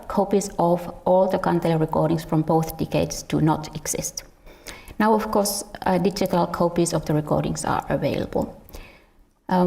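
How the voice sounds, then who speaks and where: Speaking at a conference, this Finnish researcher and musician delivers an academic talk partly from a script, occasionally tripping over and repeating words. Her voice is lowish, gravelly and mellow.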